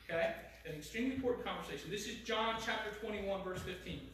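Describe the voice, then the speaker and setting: A man preaching a sermon, reading scripture aloud and dropping low and slow at solemn lines. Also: fairly bright tone, a little hiss or hum. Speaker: pastor. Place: church sanctuary. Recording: echoey church sanctuary, mic at a distance.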